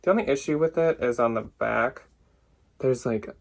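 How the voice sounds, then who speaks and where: Speaking at a normal speed in a gravelly, medium-pitched voice, a young man runs through his thrift finds for resale in a casual to-camera haul video. His chatter is packed with "like" and little tangents; he's occasionally winded, drifts off track, and chuckles at himself.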